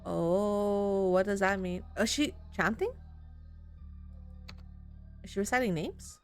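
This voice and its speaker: Faint music sits behind a woman who takes her time reading a visual novel aloud in a mid-range voice. She performs the text expressively and reacts with casual exclamations, swearing now and then.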